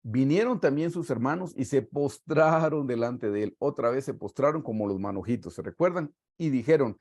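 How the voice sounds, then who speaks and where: A man with a Guatemalan Spanish accent delivering a sermon. He reads scripture aloud and slows down to stress key words. His voice sits at a middle pitch, recorded dry and close. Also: lively intonation, darkish tone, no echo. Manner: preaching, reading scripture aloud with slow emphatic stresses. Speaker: pastor.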